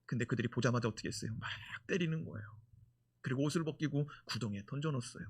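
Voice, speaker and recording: A male pastor preaching a sermon in an animated way, full of rhetorical questions. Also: medium pitch, rapid-fire, breathy edge.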